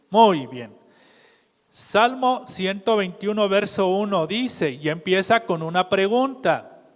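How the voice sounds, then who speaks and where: A man preaching a sermon in a measured way, often putting questions to the congregation. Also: high-pitched. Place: church hall. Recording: reverberant church hall.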